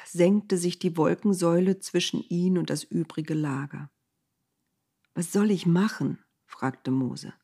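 A woman narrating a Bible story in a calm, measured way. Her voice is husky and somewhat low, and she reads very slowly.

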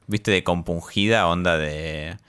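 A man's voice: sits low, a little slow, fairly bright tone, smooth. A young man with a Rioplatense Spanish accent, co-hosting a casual, teasing chat. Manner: joking, teasing. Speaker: podcast co-host.

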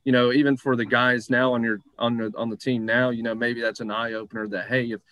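A man hosts a sports show in a medium-pitched voice with very little room sound. His talk is casual and conversational, wandering loosely from thought to thought. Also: level tone, fast talker, a bit bright, dry recording. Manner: rambling, conversational.

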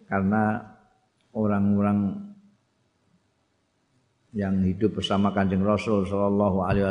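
A man's voice: on the low side, a little mellow. A man with a Javanese accent giving a conversational sermon, chanting Arabic phrases and then explaining them plainly. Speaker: religious teacher. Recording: long hall reverb.

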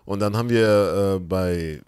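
A young man with a fairly low voice tells stories from his own life in a relaxed podcast chat. He brings every scene to life by slipping into the voices of its characters. The recording is dry and close. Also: a little slow, clear, resonant tone, no echo. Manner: animated storyteller, acts out quoted voices. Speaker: podcast co-host. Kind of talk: casual storytelling chat.

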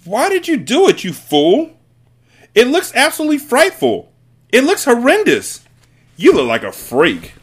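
A shrill middle-aged mother from a storybook, acted out by a man. The voice sits high and swings widely in pitch. She exclaims and scolds her husband with open scorn. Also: lively intonation, a little fast, hardly any pauses. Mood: shrieking outrage.

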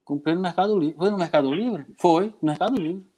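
A man's voice: high voice, a little fast, dark tone, poor audio. A man with a northeastern Brazilian Portuguese accent, chatting casually in an informal, slangy way. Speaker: podcaster guest. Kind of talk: casual chat.

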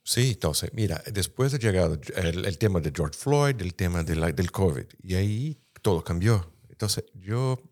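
A man's voice: low-pitched, animated, normal speed, few pauses, darkish tone. A man with a Brazilian Portuguese accent speaking Spanish mixed with Portuguese, searching for words as he gives conversational political analysis. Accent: Portuguese-influenced Spanish, Brazilian. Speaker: political commentator.

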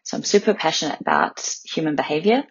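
A woman with a broad New Zealand accent co-hosts a podcast in a casual way. Her voice is low and full of vocal fry, in a slightly muffled recording. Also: huge pitch swings, fast. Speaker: podcast co-host and product designer.

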